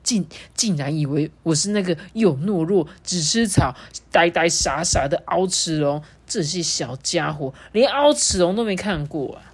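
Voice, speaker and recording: A woman's voice: on the low side, animated, moderate pace, few pauses, husky. A woman with a Taiwanese Mandarin accent voicing an old male tyrannosaurus who talks in a hesitant, stammering way. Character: old male tyrannosaurus, gruff but softening.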